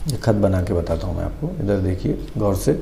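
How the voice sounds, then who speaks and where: Gravelly man teaching math step by step. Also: low-pitched, animated, brisk, mellow, slight background noise. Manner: patient, repeats steps, asks and answers his own questions. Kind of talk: classroom math lesson.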